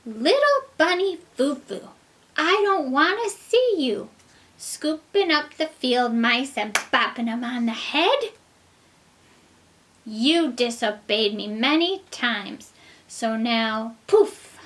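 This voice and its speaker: Woman playing a blue fairy, high voice, stern, slow and emphatic, children's song storytelling for toddlers. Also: sing-song, fairly bright tone, exaggerated voice. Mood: scolding.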